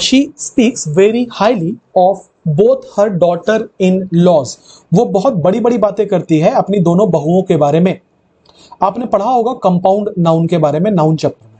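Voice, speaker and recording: A man teaching English grammar in a live online lecture. He explains quickly in Hindi, reads the English sentences slowly, and asks questions that he answers himself. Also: sits high, mellow, husky.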